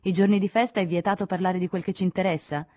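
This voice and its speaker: A woman's voice: on the low side, steady tone, quick pace, darkish tone, dry recording, studio quality, voice pushed up, natural voice. Woman reading as a fervent middle-aged political thinker. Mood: insistent. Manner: insistent, persuasive.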